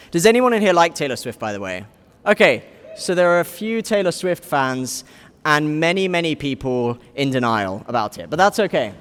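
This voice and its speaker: Man, keynote speaker at a youth event, pitched a touch high, dry asides, big echoing hall. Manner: explanatory with dry jokes aside. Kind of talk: conference keynote speech. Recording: hall reverb.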